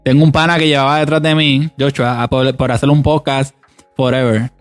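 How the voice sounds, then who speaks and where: A man's voice: medium pitch, level tone, brisk, clean tone, faint music behind. Joking man co-hosting. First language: Spanish. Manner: joking, defensive about his English. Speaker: podcast co-host. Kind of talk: casual chat.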